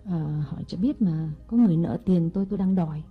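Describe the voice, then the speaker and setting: A husky, scheming young wife. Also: female voice, on the low side, narrow, tinny audio, soft background music. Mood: plain. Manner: sweet-talking, slow and deliberate. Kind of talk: audiobook character reading.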